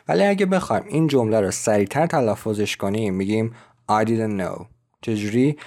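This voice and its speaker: A man teaching English pronunciation in a patient lesson, repeating example phrases slowly. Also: lowish voice, dark tone. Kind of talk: explanatory lesson.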